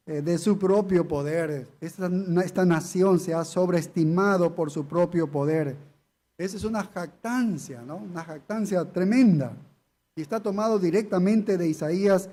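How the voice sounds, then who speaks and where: A man's voice: sits high, warm tone. A male pastor preaching an expository sermon, emphatic, repeating key phrases and asking the congregation rhetorical questions.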